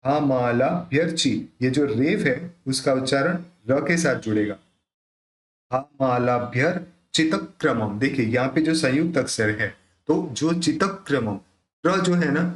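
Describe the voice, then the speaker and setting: In an echoey room, a man with a medium-pitched voice teaches how to pronounce a devotional hymn. He recites the verses slowly, then explains the rules conversationally.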